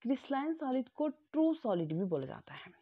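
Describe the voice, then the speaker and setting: A woman's voice: high voice, big pitch swings, fairly quick, slightly rough. A woman teaching a chemistry lesson, explaining step by step with homely examples, mixing in English terms and often checking that students follow. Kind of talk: classroom lecture. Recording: tinny phone-like audio.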